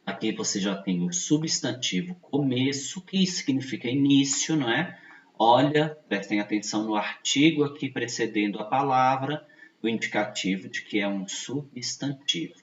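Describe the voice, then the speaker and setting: A man giving a video lesson, explaining slowly and patiently, often checking in with his listeners and repeating key points. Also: mid-range voice, animated. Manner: slow, patient, repeats points with frequent tag questions. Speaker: teacher. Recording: echoey, distant, dull-sounding room mic.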